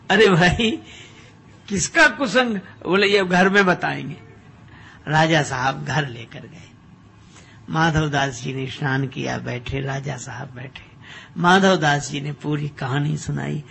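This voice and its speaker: An older man giving a humorous devotional discourse, telling a story and acting out its characters' dialogue with shifting loudness. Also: high voice, creaky, slight background noise. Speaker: spiritual discourse speaker.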